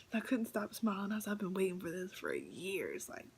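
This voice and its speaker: A young woman vlogger telling a story casually to the camera, chatty and excited, with many fillers and repeats, often half-whispering. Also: medium pitch, fairly quick, vocal fry, breathy edge.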